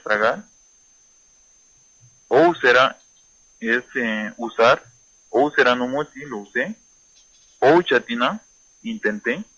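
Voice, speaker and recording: A man teaching a vocabulary lesson, saying each word slowly and repeating it for pronunciation drill. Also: mid-range voice, fairly bright tone, no echo, low-quality recording. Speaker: language teacher.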